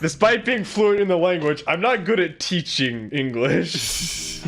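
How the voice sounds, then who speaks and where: A man's voice: fairly high pitch, lively intonation, measured pace, fairly bright tone, soft background music. A man chatting and joking casually as a player in a tabletop role-playing game.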